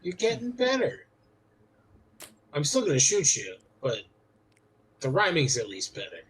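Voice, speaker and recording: A man's voice: fairly high pitch, wildly swooping pitch, measured pace, a bit bright, slightly rough. A man chatting and joking casually as a player in a tabletop game. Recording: music behind the voice.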